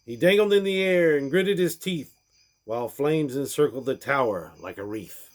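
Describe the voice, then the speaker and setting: In an animated, medium-pitched voice at a moderate pace, a man reads aloud from a rhyming parody Christmas storybook. His delivery is theatrical and emphatic, building up and then dropping away as lines end.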